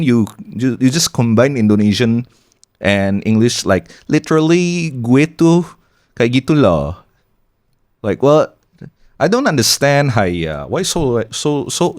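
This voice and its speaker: A man's voice: medium pitch, very animated, takes it slowly, a little mellow, voice pushed up. A man voicing a scolding middle-aged Malaysian Chinese uncle in a Singlish accent, in an exasperated mock-scolding tone.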